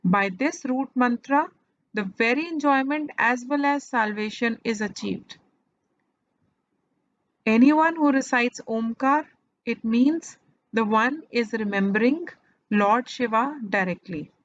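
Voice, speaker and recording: Slow-spoken woman narrating scripture. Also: fairly high pitch, no room sound, dull audio. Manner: slow, deliberate retelling with pauses. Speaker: scripture reader. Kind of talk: measured devotional narration.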